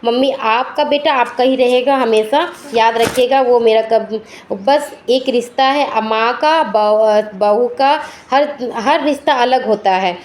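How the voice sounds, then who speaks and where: A woman's voice: on the high side, unhurried, few pauses, darkish tone, slight background noise, lightly acted. A woman voicing a young new daughter-in-law who politely pleads to be given work. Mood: reassuring.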